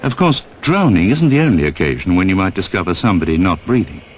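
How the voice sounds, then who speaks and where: Talking fast with big pitch swings, a low-voiced man narrates a 1960s instructional film for public information. His scripted lines address the listener directly, and the dull, band-limited soundtrack carries a little hiss or hum.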